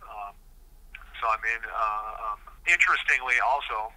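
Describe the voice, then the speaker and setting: A man speaking earnestly over a prison payphone call, measured and deliberate, with frequent hesitations. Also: fairly low pitch, pushed and bright, rough recording. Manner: measured, deliberate, many fillers. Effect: prison payphone call line. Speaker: incarcerated man interviewed by phone. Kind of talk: earnest interview answers.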